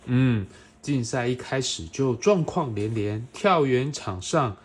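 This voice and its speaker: Low-pitched woman reading animatedly to a toddler. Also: slow, slight background noise. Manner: reading to a toddler, expressive, with questions and sound effects. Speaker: storyteller reading a picture book to a young child. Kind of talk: animated read-aloud to a toddler.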